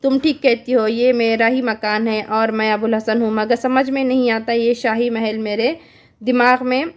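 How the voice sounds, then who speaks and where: A woman's voice: on the high side, little pitch movement, moderate pace, close to an everyday voice. Woman reading as a bossy young man who thinks he is caliph. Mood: indignant. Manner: read aloud with little acting.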